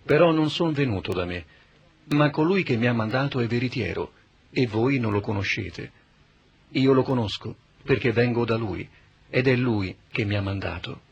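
A man playing Jesus as a calm, solemn teacher in a dramatized Bible reading, speaking in a measured, grave way. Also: mid-range voice, creaky, husky, lo-fi sound.

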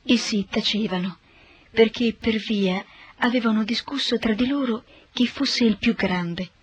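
Husky woman reading scripture. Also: fairly high pitch. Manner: steady, measured reading. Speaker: narrator.

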